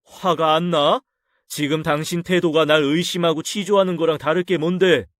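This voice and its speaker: A man voicing a domineering, quick-tempered husband in an audio story, curt and scornful. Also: a little high, fairly even intonation, a bit bright, no echo, clean studio sound, lightly acted. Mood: angry. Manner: curt, scornful, raising his voice.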